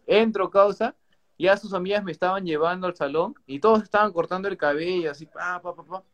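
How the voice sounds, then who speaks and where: A man's voice: high voice, fairly quick, fairly bright tone. A young man with a Peruvian Spanish accent, telling an anecdote in a casual, slangy chat full of swearing and fillers. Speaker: livestream co-host. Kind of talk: casual storytelling.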